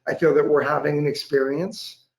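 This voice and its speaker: An impassioned man in his forties speaking as an interview guest over a video call, his voice sitting slightly high for a man. He tells his story with animated feeling. The home room around him rings with a noticeable echo. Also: moderate pace. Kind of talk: casual interview chat. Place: home room with large windows. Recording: echoey room.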